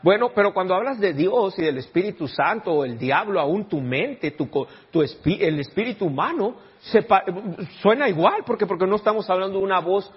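Pastor guy preaching, kinda high voice, keeps asking the crowd "how many understand", muffled recording. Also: expressive, fairly quick, hardly any pauses, breathy edge. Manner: keeps asking the congregation rhetorical questions. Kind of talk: sermon.

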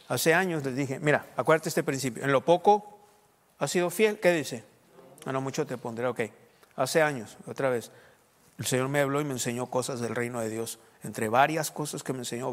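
A man with a Sonoran Mexican accent, a pastor preaching a sermon with lively asides and jokes to his congregation. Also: mid-range voice, long reverb tail. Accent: Sonoran Mexican Spanish. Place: church.

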